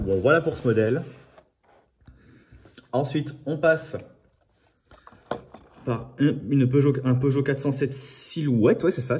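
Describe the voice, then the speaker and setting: A man's voice: mid-range voice, darkish tone. A man in a casual, rambling video chat about his toy car collection, often saying "voilà". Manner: apologises for his own accent.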